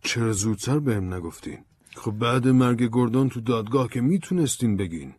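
A man's voice: medium pitch, expressive, a little mellow, husky, no echo, clean studio sound, pitched above the performer's own voice. A man doing a persistent, insistent investigator. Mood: urgent. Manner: insistent, persuasive. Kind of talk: audiobook drama reading.

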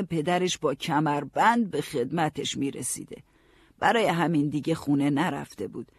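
A man narrating a story in the first person, calm storytelling. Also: fairly high pitch, breathy edge, no room sound. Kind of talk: audiobook narration.

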